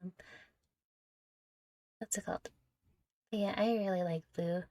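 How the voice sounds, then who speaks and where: Close to the microphone on a dry recording, a young adult content creator giggles and rambles through a casual Q&A, putting herself down. She speaks slowly at medium pitch, with fairly even intonation and a dark tone.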